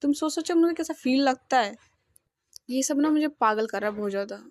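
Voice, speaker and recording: A woman's voice: sits high, lively intonation, a little fast, no echo, studio quality. A woman voicing a lonely restless young man. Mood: upset.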